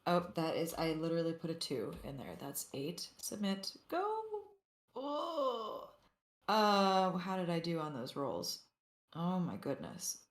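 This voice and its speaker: A woman's voice: low voice, lively intonation, normal speed. A woman playing a tabletop game, chatting casually in a playful, exclamatory way. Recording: roomy, echoey sound.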